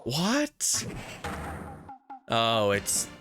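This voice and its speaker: A man plays through a video game with music clearly behind him. He comments casually, thinking out loud. His pace is slow, but his pitch moves around in a lively way. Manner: sweary, musing aloud. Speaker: let's player.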